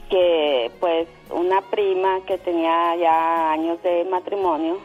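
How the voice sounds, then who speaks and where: A woman's voice: lowish voice, fairly even intonation, slow pace, faint music behind. A woman calling in to a radio show, speaking earnestly and plainly. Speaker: caller. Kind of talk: phone-in radio call. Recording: dull phone-in line.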